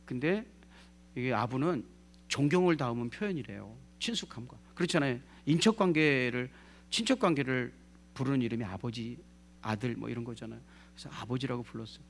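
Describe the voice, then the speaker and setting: A male pastor preaching a sermon in a lively way, putting questions to the congregation and acting out what people say. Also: mid-range voice, fairly quick, creaky, slight background noise. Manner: lively, asks the congregation questions, acts out quoted speech.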